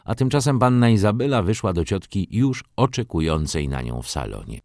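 A man reading narration of a classic novel in a measured, expressive way. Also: on the low side, no echo, studio quality. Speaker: audiobook narrator.

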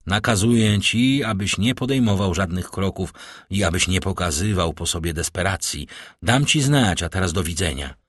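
A man voicing a brooding, commanding count, with slow, hushed and solemn speech. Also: deep voice, expressive, dry recording, studio quality. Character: brooding powerful count, middle-aged man, grave and commanding.

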